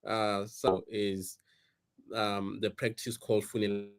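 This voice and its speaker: A man from South Africa speaking as a guest on a video call. His audio glitches and breaks up, and his speech comes out halting and fragmented. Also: on the low side, level tone, clean tone, no room sound.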